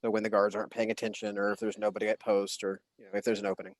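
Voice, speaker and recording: A man's voice: on the low side, completely flat delivery, rapid-fire, dry recording. A man playing a tabletop role-playing game, chatting casually and thinking aloud with some hesitation.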